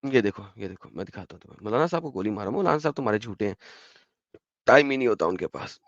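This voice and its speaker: A man hosting a heated debate, pressing his points in rapid bursts and citing verses by number. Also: lowish voice, very animated, no room sound. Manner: pressing, rapid-fire arguing, quoting chapter and verse. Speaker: debate host. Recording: dull, dry lo-fi audio.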